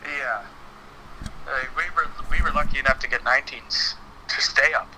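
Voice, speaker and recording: A man talking through a phone on speakerphone, chatting casually as a podcast guest, halting with many fillers. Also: mid-range voice, steady tone, bright, forceful tone, a little hiss or hum, rough recording. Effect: heard over a phone on speakerphone. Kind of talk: casual chat about wrestling games.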